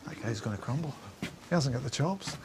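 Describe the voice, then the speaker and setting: A man's voice: mid-range voice, animated, brisk, background noise, natural voice. An actor playing a foul-mouthed, bullying male government spin doctor who barks orders and swears. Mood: ranting. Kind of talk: TV comedy acting.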